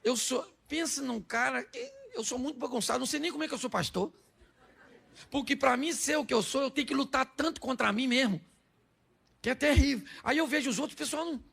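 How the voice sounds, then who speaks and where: A man's voice: very high voice, fairly quick, fairly bright tone. A Brazilian man preaching a humorous sermon as a pastor, acting out dialogue and asking the congregation to answer yes or no. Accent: Brazilian Portuguese. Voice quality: gravelly, husky. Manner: jokey storytelling, acts out dialogue, asks the crowd "sim ou não?".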